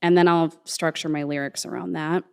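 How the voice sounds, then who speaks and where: A woman with a low-pitched voice speaks as a musician guest in a casual interview. She is earnest and reflective, phrasing her thoughts informally as she works them out. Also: steady tone, brisk, creaky, a little mellow, clear, resonant tone. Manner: informal, earnest, thinking aloud.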